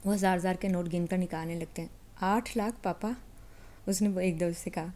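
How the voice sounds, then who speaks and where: A woman's voice: lowish voice, level tone, warm tone. A woman casually retelling a novel as a storyteller, talking in a conversational way with small restarts. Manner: conversational, with small restarts and plain voiced quotes.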